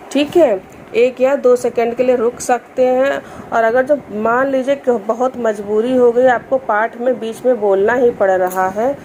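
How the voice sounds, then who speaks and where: एक महिला शांत और समझाने वाले अंदाज़ में धार्मिक पाठ के नियम बताती है और बीच-बीच में संस्कृत श्लोक धीरे-धीरे पढ़ती है।. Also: female voice, on the high side, slight background noise. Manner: calm, explanatory, recites Sanskrit verses slowly. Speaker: religious instructor. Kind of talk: explaining scripture recitation rules.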